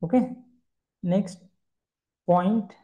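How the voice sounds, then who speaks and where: Man teaching software step by step. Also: high-pitched, fairly even intonation, slow, phone-quality sound. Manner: explains step by step, mixing English terms, repeats questions and answers them. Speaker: software tutor. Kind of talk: screen-recorded software tutorial.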